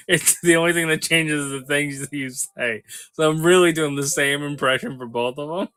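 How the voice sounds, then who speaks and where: A man's voice: on the high side, normal speed, smooth. Laid-back man selling toys on a stream. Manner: relaxed, joking, laughs often. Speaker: live-stream toy seller. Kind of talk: casual live-stream chat.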